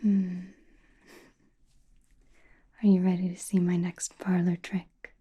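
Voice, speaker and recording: In an ASMR roleplay, a woman plays a confident, mysterious witch and fortune teller, whispering breathily, slowly and soothingly, with musing pauses. Her voice is fairly low, warm and flat in delivery with a breathy edge, and the mood is calm and mysterious.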